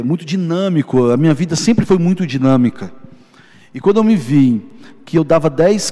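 Emotional preacher in a reverberant hall. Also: male voice, fairly high pitch, warm tone. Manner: emotional personal testimony, slow emphatic repetitions. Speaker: pastor. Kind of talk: sermon.

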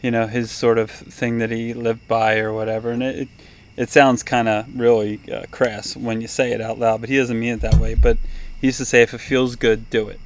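A man with a mid-pitched voice co-hosts a casual podcast. He talks haltingly and rambles as he goes. Crickets and insects can be heard in the backyard where he is recorded. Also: little pitch movement, a little hiss or hum. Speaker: podcast co-host. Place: backyard, outdoors.

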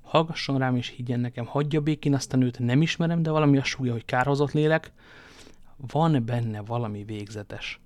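A male reader playing a grave, fatherly nobleman in an audiobook. He speaks in a measured, somber way at a steady middle pitch and sometimes drops to a hush. The sound is dry and close. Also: no echo, natural voice.

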